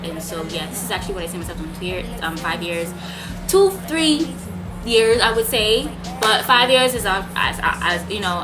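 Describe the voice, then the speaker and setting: A young woman with a Bahamian accent, chatting casually and informally with slang in a get-ready-with-me vlog. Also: on the low side. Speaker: vlogger. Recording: music playing behind the voice. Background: background music.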